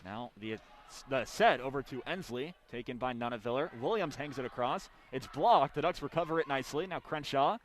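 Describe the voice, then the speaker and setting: With arena sounds around him, a young man delivers expressive, fairly quick radio play-by-play of volleyball in a mid-range voice. His calls are clipped and punchy, swelling when big plays happen.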